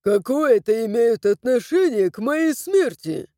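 An indignant, proud ghost duke who insists loudly and slowly on his dignity, as a woman narrator puts him on. His voice sits a little higher and louder than her own, mellow in tone, recorded dry and close. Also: expressive, no room sound, natural voice. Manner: indignant, loud, emphatic. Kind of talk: audiobook character voicing.

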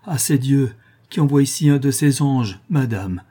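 A man's voice: medium pitch, moderate pace, warm tone, husky, voice pushed up, lightly acted. A man doing an outraged old count. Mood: pleading. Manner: impassioned, pleading. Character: indignant elderly nobleman, fierce protector.

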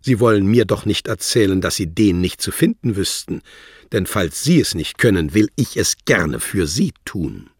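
A man voicing a scornful, threatening embassy secretary with a guttural, rasping snarl. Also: deep voice, very animated, a little slow, no echo, studio quality, pitched above the performer's own voice, exaggerated voice. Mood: mocking threat. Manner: mocking, threatening, condescending. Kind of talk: audiobook character voice.

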